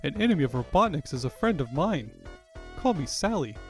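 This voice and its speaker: A man voicing a brisk, earnest young princess who leads freedom fighters in a cartoon fandub. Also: a little high, sing-song, faint music behind. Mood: guarded, polite.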